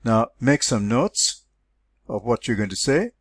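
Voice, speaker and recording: A man lecturing, giving instructions and reading a scenario aloud to students in measured phrases. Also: medium pitch, expressive, no echo. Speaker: lecturer giving a class exercise.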